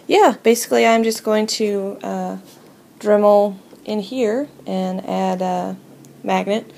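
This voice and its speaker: A woman hosting a casual, unscripted craft tutorial, talking informally and haltingly as she thinks aloud. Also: fairly low pitch, creaky, darkish tone. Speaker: hobby video host. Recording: noisy home recording.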